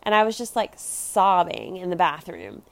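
A woman's voice: lowish voice, sing-song, moderate pace, gravelly, no room sound. A young American woman with a Valley Girl accent and lilting uptalk, telling personal stories in a casual, confessional way, peppered with filler words. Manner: conversational, peppered with "like" and "you know". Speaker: podcast host.

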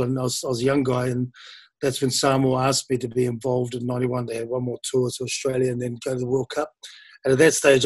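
A man's voice: mid-range voice, darkish tone, breathy edge, no room sound. A man in his fifties from New Zealand, a former rugby player telling his career story in a rambling interview, full of fillers and restarts.

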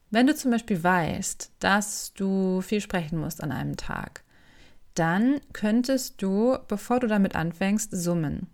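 Smooth-voiced woman podcasting. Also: mid-range voice. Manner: warm, relaxed, chatty with frequent fillers. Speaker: voice coach and podcast host. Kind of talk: casual solo podcast talk.

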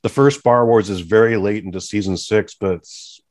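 Lively man hosting a chat. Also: lowish voice, moderate pace. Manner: animated, acts out quotes. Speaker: podcast host. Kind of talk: casual chat.

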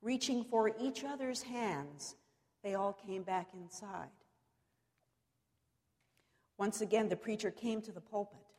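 Lady preacher doing a cathedral sermon, real slow and solemn, pauses between phrases, big echoey church reverb. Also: medium pitch, a little mellow. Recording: long reverberant echo of a large hall.

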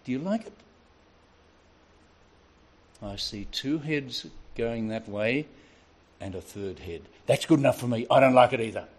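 An older man preaching a sermon, telling a family story with a lively, varied delivery. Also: mid-range voice, moderate pace, breathy edge.

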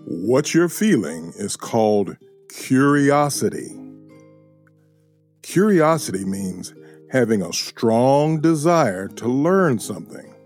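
A man voicing a gentle male bear who calmly explains safety rules to a child in a children's show. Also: mid-range voice, soft background music. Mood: patient. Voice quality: slow, calm explaining. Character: gentle male bear friend, patient teacher.

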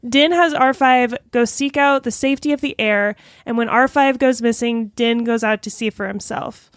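A woman's voice: a little high, moderate pace, dry recording, studio quality. A woman co-hosting a casual podcast chat, upbeat, recapping and reacting. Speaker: podcast co-host.

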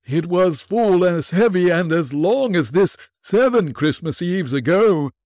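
Storybook ghost of an old businessman, high, slow and wailing, heavy with regret. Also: lively intonation, darkish tone, dry recording, studio quality. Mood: solemn, grave. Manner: slow, mournful, booming declamation. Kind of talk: storybook reading.

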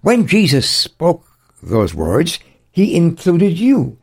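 A man's voice: a little high, wildly swooping pitch, takes it slowly, creaky, a little mellow, slightly rough. A man preaching an earnest radio sermon as a Bible teacher, with emphatic repetition.

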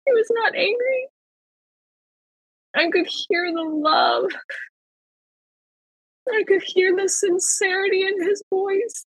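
A woman talking as a podcast guest, sharing a personal faith testimony in an earnest way and slowing down to stress key phrases. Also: very high-pitched, dry recording, low-quality recording.

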